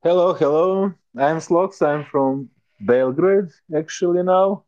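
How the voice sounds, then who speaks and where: A man from Serbia, introducing himself as a music producer in halting, word-searching speech. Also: fairly high pitch. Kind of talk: casual self-introduction. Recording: lo-fi online call audio.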